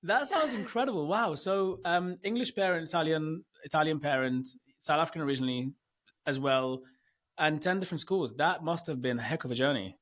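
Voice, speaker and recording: A man hosting a podcast interview in casual chat, effusive and quick to exclaim, with some hesitant fillers and restarts. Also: fairly high pitch, fairly bright tone. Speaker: podcast host.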